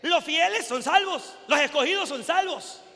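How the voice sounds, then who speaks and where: A man preaching a fervent sermon, switching between shouted proclamations and quiet, close asides. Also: expressive, moderate pace. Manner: swings from shouted proclamation to low intimate asides. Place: church service hall. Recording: echoey church hall with long reverb.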